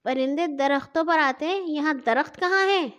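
A woman's voice: sits high, fairly bright tone, voice pushed up. A woman voicing a clever, slightly bossy boy in a children's storybook, with a know-it-all manner. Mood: musing.

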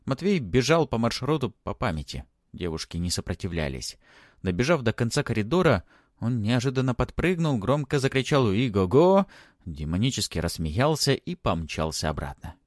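A man reading a fantasy audiobook aloud in an expressive, dramatic way. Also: medium pitch, moderate pace, no echo, studio quality. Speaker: audiobook reader. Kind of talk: audiobook narration.

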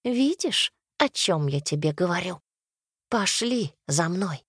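A woman reads a sly small imp from a fairy tale. His voice is low and hushed, never rushed, with a knowing calm. The sound is close and dry, with no room around it. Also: breathy edge, no echo, full character voice. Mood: mocking calm.

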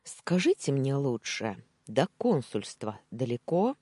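A defiant captive young woman, read by a woman snaps back and pleads. The voice swings widely in pitch and sounds husky and warm, like an audiobook reading. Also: very animated, takes it slowly, no room sound, exaggerated voice. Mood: defiant, upset.

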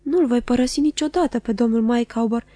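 Voicing a middle-aged wife in an audiobook, a woman with a slightly high, mellow voice declaims the character's loyalty insistently, tearful and melodramatic. The recording is dry, and her voice stays close to an everyday speaking voice.

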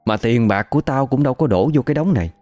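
A man's voice: mid-range voice, animated, fast, dark tone, soft background music, voice pushed up, natural voice. A man voicing a hot-tempered middle-aged woman who poses as a medium, defiant and threatening. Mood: bitter.

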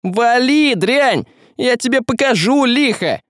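A man voicing a brash, quick-tempered young man who speaks bluntly in modern slang. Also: high voice, very animated, dry recording, studio quality, pitched above the performer's own voice, full character voice. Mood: shouting.

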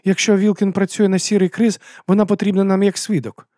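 An anxious, earnest woman scientist, played by a male reader in an audiobook. The voice is lifted high above his own and is urgent and pleading. It comes across louder and pushier than the narration. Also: little pitch movement, a little fast, no echo, studio quality, close to an everyday voice.

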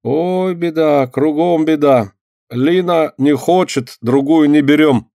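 A man's voice: a little high, slow pace, mellow, no echo, studio quality, voice pushed up. A man voicing a timid, kindly man who speaks in broken, ungrammatical sentences and laments in a sing-song way. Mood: lamenting.

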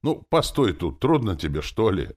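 A man's voice: sits low, big pitch swings, normal speed, a little mellow, pitched above the performer's own voice. A man doing a curt army captain. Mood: gruff. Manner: curt, commanding. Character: brusque male army captain, commanding.

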